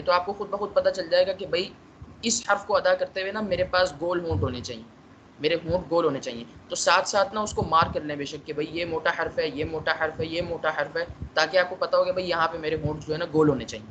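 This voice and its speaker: A man's voice: high-pitched, fast talker, a bit bright, muffled recording, slight background noise. A man teaching a class, explaining patiently and saying letter sounds aloud to show how they are made. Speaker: tajweed teacher.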